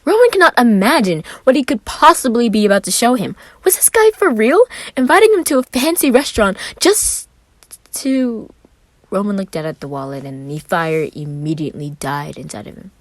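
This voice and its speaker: A woman with a mid-range voice reads fan fiction aloud at a normal pace, telling the story expressively. There is no echo.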